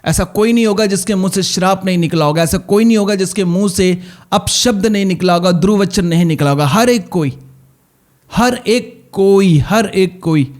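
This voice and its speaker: Man preaching an earnest, repetitive sermon. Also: sits high. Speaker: pastor.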